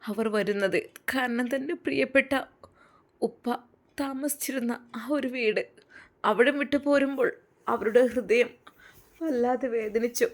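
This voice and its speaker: A woman narrating a spoken story in an emotive, emphatic way. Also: on the high side.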